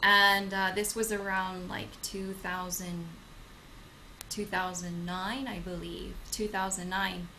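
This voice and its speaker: Young woman co-host, casual chat, lots of ums, slow pace. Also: medium pitch, little pitch movement, noisy background. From Okinawa, Japan; grew up in the United States. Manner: hesitant, many fillers and restarts. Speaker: channel co-host. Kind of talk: casual self-introduction. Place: home in Madrid.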